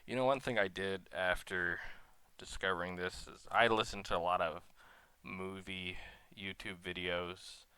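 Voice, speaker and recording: Young man, low pitch, halting downbeat rant, dry close sound. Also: steady tone, smooth, no room sound. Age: young adult. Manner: halting, stuttering, downbeat and quiet. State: bummed out. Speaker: vlogger. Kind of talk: casual rant to camera.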